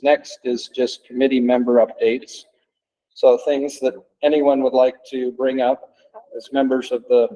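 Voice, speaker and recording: A man chairing a public committee meeting, running through agenda items and inviting comments in a measured, procedural way. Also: medium pitch, mellow, low-quality recording.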